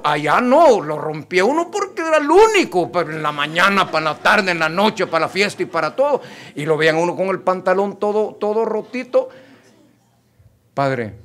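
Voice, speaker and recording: A middle-aged male pastor delivers an emphatic sermon. His fairly high voice rises and falls in a lively way as he speaks straight to the congregation. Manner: emphatic preaching, addressing the congregation directly.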